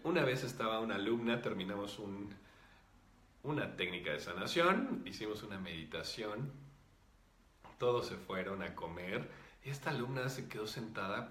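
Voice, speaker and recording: A man, a spiritual teacher calmly explaining and answering viewer comments. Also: on the low side, echoey room. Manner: calm, explanatory, with many fillers.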